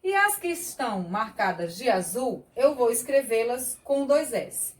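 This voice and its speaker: A Brazilian woman teaching young children, sounding out words slowly and clearly as she explains spelling. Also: on the high side, animated. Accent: Brazilian Portuguese. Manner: slow, sing-song, exaggerated word sounding. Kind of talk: children's lesson. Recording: echoey room, a bit far from mic.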